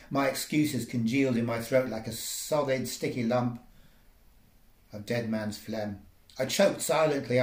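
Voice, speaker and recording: A man's voice: mid-range voice, darkish tone. Wry male storyteller in an echoey room. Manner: wry, rambling, dreamlike narration. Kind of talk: reading surreal micro-fiction. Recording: roomy echo.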